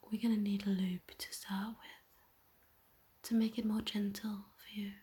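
A woman speaks in an intimate whispered role-play, playing a tender yet dominant lover. Her voice is very airy and husky, with little clear tone. She takes her time, in a gently teasing, soothing way, and keeps the melody fairly even. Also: medium pitch. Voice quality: breathy, airy. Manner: slow, breathy, intimate whispering with soft chuckles.

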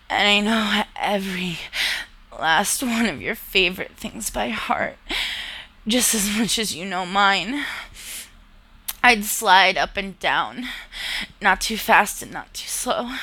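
A woman narrating an intimate second-person romantic audio story in a soft voice that often drifts into whispers. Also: medium pitch, vocal fry.

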